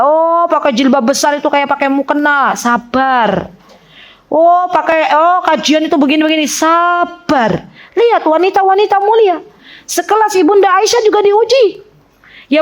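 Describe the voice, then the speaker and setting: A woman religious teacher giving a lively sermon to women, acting out quoted voices and chatting with the audience. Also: very high-pitched.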